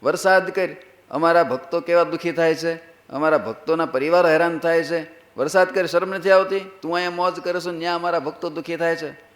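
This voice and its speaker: A man's voice: a little high, steady tone, fairly quick, reverberant, voice pushed up, close to an everyday voice. A man voicing a kind-hearted monk sharply scolding a god into sending rain. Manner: scolding, commanding.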